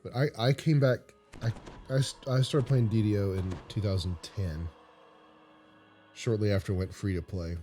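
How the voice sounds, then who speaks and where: Low voiced guy doing casual gameplay commentary, rambles and hesitates, faint music behind. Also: moderate pace, warm tone. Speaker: gaming video host.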